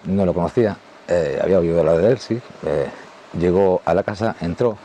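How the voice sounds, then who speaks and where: A man's voice: deep voice, fairly quick, dark tone, slight background noise. A man from Spain, an adult film actor, telling anecdotes casually to the camera, rambling with many restarts and fillers, and acting out quoted lines in a raised voice. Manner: acts out quoted dialogue in a raised voice.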